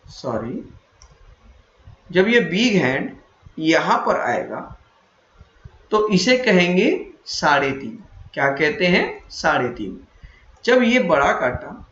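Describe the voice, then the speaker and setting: High-voiced maths teacher, echoey room. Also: male voice, a bit bright. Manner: repetitive, checks understanding, self-correcting. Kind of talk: classroom lesson. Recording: echoey room, dull lo-fi sound.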